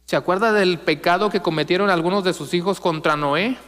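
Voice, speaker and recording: High-voiced pastor preaching in a hall. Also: male voice, fairly bright tone. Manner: asks the congregation questions and answers them; slow, emphatic reading of scripture. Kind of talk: sermon.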